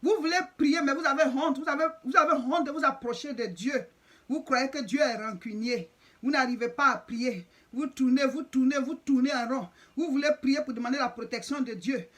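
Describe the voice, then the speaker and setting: Woman preacher, high voice, insistent and repetitive sermon delivery. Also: moderate pace.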